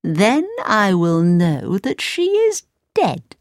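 A woman's voice: on the low side, big pitch swings, no echo, clean studio sound. Woman putting on a wicked vain queen. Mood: cold. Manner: slow, drawn-out theatrical delivery. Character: vain wicked adult queen, haughty and cruel.

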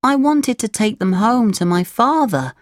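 A small wooden puppet boy, naughty and quick to fib, speaks in a high, pleading, childlike voice, as a woman reading a storybook puts him on. His lines swing lively and close to the mic, with no room sound. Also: no room sound. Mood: earnest.

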